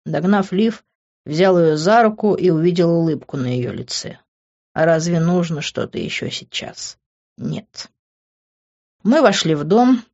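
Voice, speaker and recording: A woman calmly narrating an audiobook in first person. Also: sits low, highs cut off.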